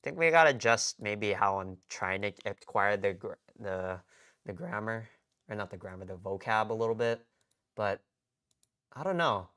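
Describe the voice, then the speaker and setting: A man talks his way through a late-night live stream from home, his voice sitting a little low and coming across smooth and clear. He rambles in casual slang, repeating words and restarting his sentences as he goes. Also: animated, normal speed, fairly bright tone. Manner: rambling, slangy, self-interrupting.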